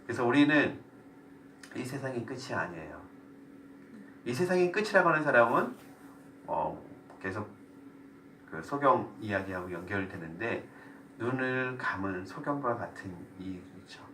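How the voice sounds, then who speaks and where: A man's voice: medium pitch, very animated, unhurried, pauses often, a bit bright. A man pastor leading a Bible study sermon, asking the group questions and explaining. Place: church room. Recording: echoey room, voice from a distance, faint noise.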